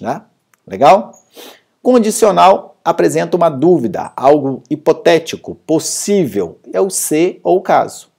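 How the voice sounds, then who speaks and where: A woman's voice: deep voice, mellow, breathy edge. A woman teaching a grammar lesson online, explaining step by step and often checking that the viewer follows. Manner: explains with frequent checks like "tá?" and "legal?".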